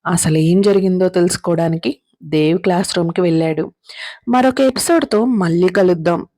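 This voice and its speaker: A woman narrating a serialized drama story in a steady, dramatic reading style. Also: on the low side, normal speed, no room sound, clean studio sound.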